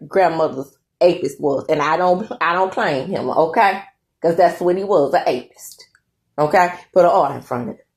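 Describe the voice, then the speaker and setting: On her own commentary channel, a woman with a lowish voice offers her opinions emphatically and conversationally, finishing points with "okay?"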